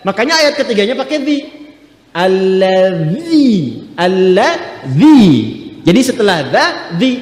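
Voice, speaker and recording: A man teaching a class how to pronounce Arabic letters, repeating sounds in drills and chanting Quran verses. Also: high-pitched. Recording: echoey hall with long reverb.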